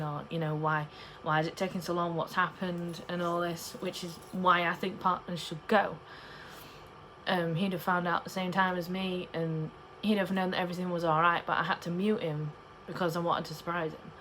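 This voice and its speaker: Young woman, slightly low pitch, chatty rambling vlogger delivery, some background noise. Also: fairly bright tone, poor audio. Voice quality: cannot pronounce P in the middle of words. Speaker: pregnancy vlogger. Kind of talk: casual chat to camera.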